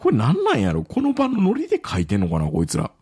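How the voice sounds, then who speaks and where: A man's voice: fast, husky. A man, telling a story in casual chat as podcast co-host, laughing often. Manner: animated storytelling, swoops up in pitch, laughs often.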